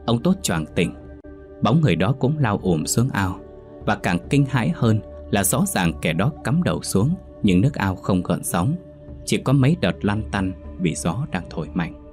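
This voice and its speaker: A male storyteller reads a horror tale in a steady, suspenseful manner. His voice sits very low. Soft music plays faintly underneath the narration. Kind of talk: scripted ghost story narration.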